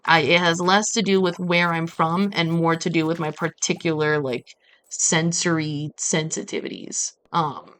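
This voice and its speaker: Chatting as she plays a game on a livestream, a woman from Brazil tells her stories with animation, acting out quotes and tossing in playful asides. Her voice is fairly low-pitched.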